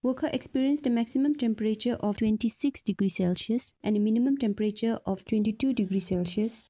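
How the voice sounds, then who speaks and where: A woman's voice: fairly high pitch, fast talker, dark tone. Slightly muffled woman reading weather. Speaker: weather presenter. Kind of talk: scripted weather report.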